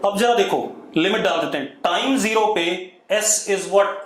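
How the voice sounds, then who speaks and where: A man with an Indian accent teaching physics in an online class, strict and scolding, dictating terms slowly. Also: sits high, roomy sound, slight background noise. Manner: strict, scolding, addresses students as 'beta'; slow dictation of terms, drawn out.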